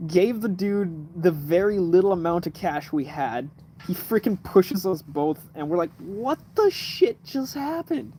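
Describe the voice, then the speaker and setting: At night, in a kerosene-lamp-lit room, a twentysomething livestream host rambles through stories, cursing and restarting with plenty of fillers. His voice sits high with a warm tone. A faint hiss or hum is present.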